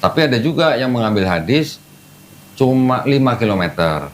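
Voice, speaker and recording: A man's voice: medium pitch, sing-song, normal speed. A man patiently explaining religious practice step by step, repeating key terms, in casual conversation indoors. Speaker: Islamic teacher guiding a convert. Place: indoors, air-conditioned room.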